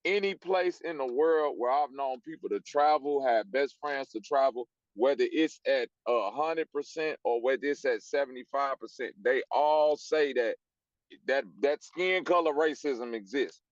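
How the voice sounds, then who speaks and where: A man's voice: mid-range voice, measured pace, no echo. A man from Chicago speaking argues insistently in a casual debate, pushing to be heard. His voice sits mid-range and sounds dry and dull, with no room around it. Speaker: panelist.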